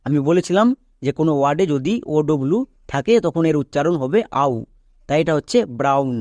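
A man's voice: on the high side, a little mellow, no room sound. A man with a Bangladeshi Bengali accent teaching English pronunciation, explaining step by step and spelling out letters. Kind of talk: classroom-style explanation.

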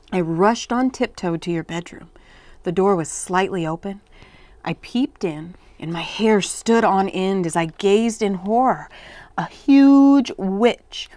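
A woman reading a children's story aloud in an expressive, dramatic way for a library. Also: mid-range voice, no echo.

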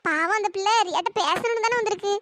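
Gentle, tearful old cartoon grandmother. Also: very high voice, fast talker, very noisy. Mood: gentle remorseful. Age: older. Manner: soft-spoken, tearful.

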